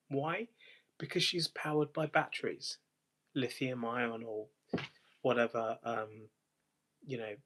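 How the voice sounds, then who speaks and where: A man's voice: mid-range voice, a bit bright. A man hosting a live stream, thinking aloud in a rambling, speculative monologue full of restarts.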